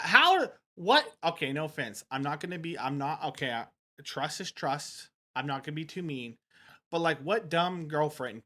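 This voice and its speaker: Bright-voiced slangy male streamer. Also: fairly high pitch. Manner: slangy, keeps saying "bro", trails off into mutters. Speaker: streamer reacting to a video. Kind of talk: casual reaction commentary.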